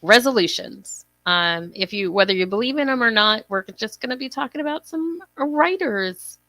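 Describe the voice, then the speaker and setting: A woman's voice: on the high side, animated, moderate pace, sharp tone, no echo. A woman from Brooklyn with a Brooklyn accent, co-hosting a casual podcast and laughing often. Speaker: podcast co-host.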